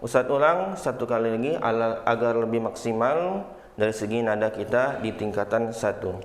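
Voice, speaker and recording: A man's voice: medium pitch, expressive, normal speed. A man teaching Quran recitation to schoolchildren, patiently explaining each step and calling himself Ustadz. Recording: roomy echo.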